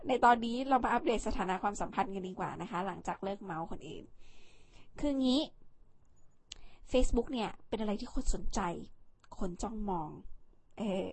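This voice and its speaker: A woman's voice: medium pitch, moderate pace, pauses often, a little mellow. A woman hosting a vlog in a casual, chatty way, playful and teasing as she talks. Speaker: vlog host.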